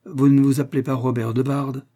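A man voicing a gruff, curt police commissioner. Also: mid-range voice, little pitch movement, a little fast, mellow, close to an everyday voice.

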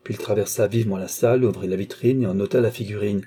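A man narrating a detective novel in a steady, even manner. His voice is very dark and mellow with a husky edge. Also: lowish voice, quick pace. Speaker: audiobook narrator. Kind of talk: reading a detective novel aloud.

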